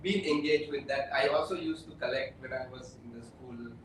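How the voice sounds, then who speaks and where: Seated with other guests at a shared indoor table, a mid-range-voiced man from Sri Lanka talks on a panel about his work as an election observer and program officer. His casual speech is full of pauses, fillers and restarts. The mic is distant, the room echoes, and there's a little hiss or hum.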